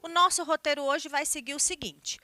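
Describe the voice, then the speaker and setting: A woman's voice: sits high, fairly even intonation, a little fast, bright, forceful tone, dry recording. A woman with a Brazilian Portuguese accent, an English teacher explaining a lesson to her students and often checking in with them. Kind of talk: recorded online class lecture.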